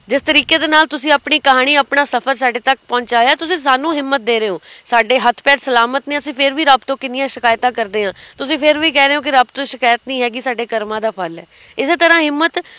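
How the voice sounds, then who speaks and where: Interviewer, fast talk, soothing, encouraging, dry close sound. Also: high-pitched, sharp tone, no echo. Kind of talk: consoling interview questions.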